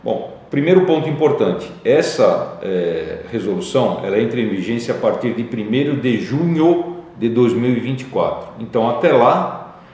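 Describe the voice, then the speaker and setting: Brazilian executive, measured step-by-step explanation, mid-pitched male voice, very reverberant room. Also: darkish tone. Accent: Brazilian Portuguese. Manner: methodical, explains legal text step by step with fillers. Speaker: company CEO explaining regulations. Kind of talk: explanatory talk. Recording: very echoey room.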